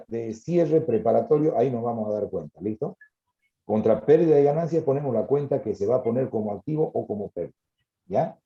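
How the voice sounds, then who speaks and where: A man's voice: mid-range voice, mellow, roomy sound, lo-fi sound. A man teaching an accounting class, explaining patiently and checking that students follow. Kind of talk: classroom lecture.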